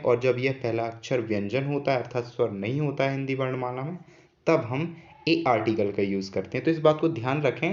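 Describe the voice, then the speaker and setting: A patient man explains grammar to students at a calm, even pace, and he keeps asking questions and answering them himself. His voice sits in the middle range, and the recording sounds a little dull and lo-fi. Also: mid-range voice. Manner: patient, repeats key points as questions. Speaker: teacher. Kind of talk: explaining an English grammar lesson.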